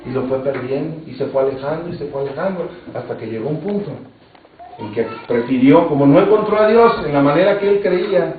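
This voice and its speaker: A man's voice: on the high side, animated, brisk. A man preaching a sermon who repeats his phrases for emphasis and reads scripture aloud. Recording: tinny, very echoey, distant mic, faint noise.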